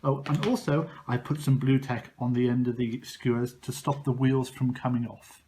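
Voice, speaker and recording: A man's voice: medium pitch, little pitch movement, normal speed, mellow, a little hiss or hum. A man presenting a children's craft demonstration, explaining it step by step. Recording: echoey room with music.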